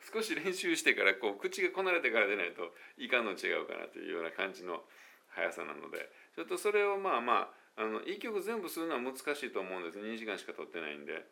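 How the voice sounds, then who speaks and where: A man's voice: lowish voice, wildly swooping pitch, fast talker, creaky, sharp tone. A man speaking, a pronunciation coach chatting casually, correcting himself and laughing at his own slips, dropping English phrases in as he goes. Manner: mixes English phrases into Japanese talk. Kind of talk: casual monologue video.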